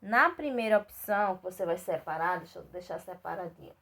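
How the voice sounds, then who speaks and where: A woman's voice: fairly low pitch, lively intonation, a bit bright. A woman with a Brazilian Portuguese accent teaching a class of young children, patiently spelling out syllables and checking that they follow. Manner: patient, repeats and checks in with "tá certo?"; spells out syllables slowly and clearly. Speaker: primary school teacher. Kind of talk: recorded remote lesson for young children.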